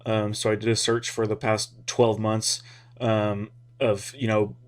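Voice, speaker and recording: An American man hosting a hobby radio video gives a casual, rambling explanation, informal and hesitant as though thinking out loud. His voice is on the low side, with little pitch movement and a measured pace.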